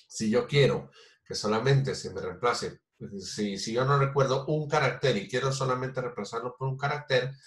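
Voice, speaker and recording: A man's voice: mid-range voice, fairly bright tone. Roomy-sounding man teaching a class. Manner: patient, explains step by step with many fillers and restarts. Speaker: programming teacher. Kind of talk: recorded online class. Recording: roomy echo.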